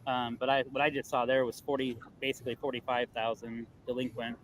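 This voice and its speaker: A man working a phone sales call, talking quickly through a deal with lots of fillers and reassurances, then chatting it over with colleagues. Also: mid-range voice, level tone, fairly bright tone, a little hiss or hum, low-quality recording. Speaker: real estate investor on sales calls. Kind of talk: live-streamed phone sales call and debrief. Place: loud area. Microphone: earbud headset mic.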